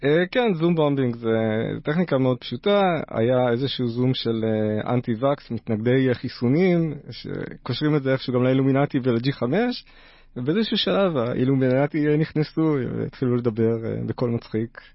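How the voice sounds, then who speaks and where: Halting man with a gravelly, creaky voice. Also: mid-range voice, animated, no echo, highs cut off. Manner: halting, searching for words. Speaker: interview guest, university teacher and activist artist. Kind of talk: conversational storytelling in an interview.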